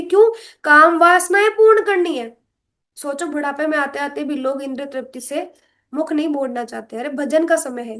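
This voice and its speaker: A woman giving an earnest scripture lecture, explaining verses and asking rhetorical questions, sometimes chanting Sanskrit lines slowly. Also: high-pitched, fairly bright tone. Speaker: spiritual teacher.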